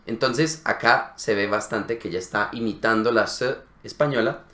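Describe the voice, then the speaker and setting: A man's voice: on the low side, normal speed, bright, forceful tone, echoey room. A man co-hosting a casual Spanish lesson, explaining accents and demonstrating sounds. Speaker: Spanish teacher co-host.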